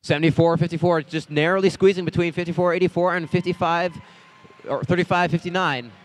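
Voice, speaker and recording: A man announcing a robotics competition, giving steady live play-by-play of team numbers and scores at the event venue. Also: a little high, brisk. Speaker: match announcer.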